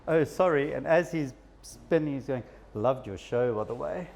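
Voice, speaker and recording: This South African-accented man has a mid-range, gravelly, slightly mellow voice and a moderate pace. A psychiatrist, he chats with a live audience in an event room, poking fun at himself and laughing frequently.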